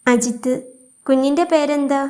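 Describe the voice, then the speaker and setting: A woman voicing a quiet, kind young man who talks in a warm, easy-going way. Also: high voice, steady tone, normal speed, natural voice. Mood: gentle.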